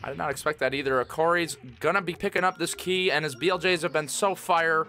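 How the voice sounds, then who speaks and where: Young male esports caller, hype and jokey, bright tone. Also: a little high, fast talker, soft background music. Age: young adult. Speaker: commentator. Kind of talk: casual esports commentary.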